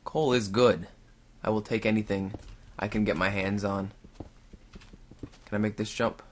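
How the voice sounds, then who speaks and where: Speaking close to the mic, this young man from Canada offers loose, wandering gameplay commentary for his YouTube viewers and himself. His pitch is fairly low, his tone steady, and his pace measured, with a little hiss or hum in the recording.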